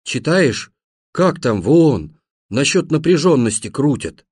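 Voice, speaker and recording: A man reading an audiobook and voicing a deaf, bedridden grown man who talks loudly in a deep, husky voice. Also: big pitch swings, unhurried, no echo, clean studio sound. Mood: loud, gruff.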